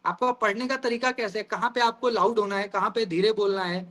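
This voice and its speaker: A man's voice: high voice, steady tone, fairly quick, sharp tone. A man teaching a lesson in his terms, explaining ideas through everyday examples and often addressing the class as guys. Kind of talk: classroom lecture.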